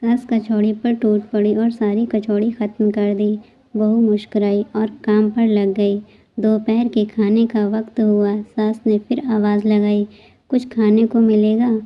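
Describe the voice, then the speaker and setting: A woman narrating a scripted moral story in an even, measured way. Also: mid-range voice, highs cut off.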